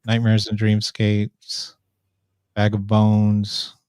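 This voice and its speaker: A man's voice: on the low side, monotone, extremely slow, darkish tone, clear, resonant tone, no echo, studio quality. A man with a nasal voice, chatting casually as a live host, right up against the microphone. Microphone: microphone right up close.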